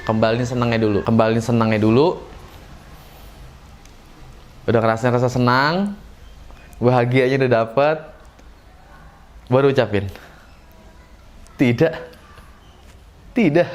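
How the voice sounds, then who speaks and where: A man gives a relaxed, chatty acting lesson and acts out short emotional examples as he goes. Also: mid-range voice, normal speed, long pauses. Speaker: acting teacher. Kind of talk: casual classroom-style lesson.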